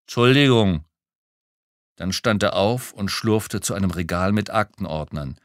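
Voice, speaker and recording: A man's voice: deep voice, normal speed, dry recording. A man narrating a first-person crime story as an audiobook, in a dry, laconic way.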